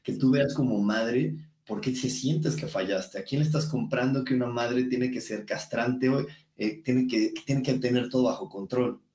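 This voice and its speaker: Mellow Mexican man in an echoey room. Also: medium pitch, moderate pace. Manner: calm, coaching tone, everyday examples. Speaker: guest speaker. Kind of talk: explanatory conversation.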